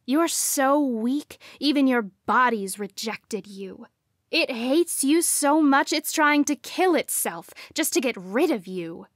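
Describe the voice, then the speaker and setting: A woman's voice: high voice, animated, slow, no echo, clean studio sound, exaggerated voice. A woman doing a sneering, menacing female doppelganger. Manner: taunting, hissing some words.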